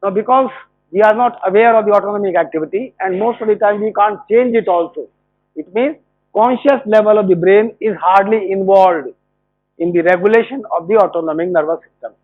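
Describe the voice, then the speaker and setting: A man's voice: high voice, very slow, no echo. A male medical college lecturer, explaining a topic and answering his own rhetorical questions. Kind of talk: classroom lecture. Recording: tinny phone-like lo-fi audio.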